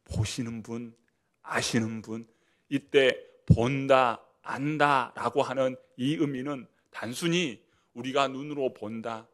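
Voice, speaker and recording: A male pastor preaching a sermon in a church service, swinging from loud emphasis to hushed whispers and asking the congregation direct questions. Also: mid-range voice, slow.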